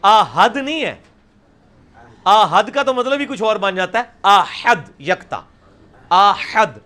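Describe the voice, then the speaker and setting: A man's voice: high voice, lively intonation. A middle-aged man with a Punjabi accent teaching a pronunciation class, drilling sounds aloud and calling on students. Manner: demonstrates sounds by repeating them slowly and loudly, drills students by name. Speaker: religious teacher. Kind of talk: classroom lesson on Quranic pronunciation.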